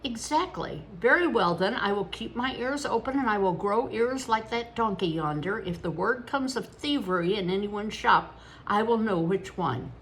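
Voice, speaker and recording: A woman in her older years reading aloud as an eager, cheeky, irrepressible young boy with a boastful, quick-witted way of talking. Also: mid-range voice, expressive, fairly bright tone, a little hiss or hum, pitched above the performer's own voice.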